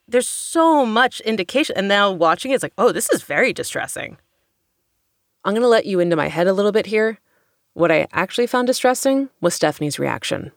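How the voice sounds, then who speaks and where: A woman's voice: fairly low pitch, dry recording, studio quality. A woman in her thirties hosting a podcast, mixing scripted narration with casual talk. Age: 30s. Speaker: podcast host.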